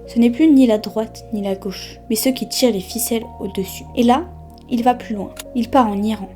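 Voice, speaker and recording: A woman narrates a documentary in short, dramatic, punchy phrases. Her voice is mellow and dark yet sits slightly high. Faint music runs beneath her. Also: moderate pace. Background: soft background music.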